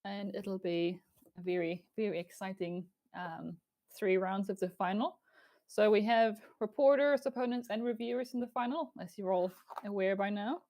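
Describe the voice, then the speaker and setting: A woman's voice: medium pitch, moderate pace, a little mellow. A woman chairing an online event in a semi-formal way, speaking over a video call. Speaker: chair and host.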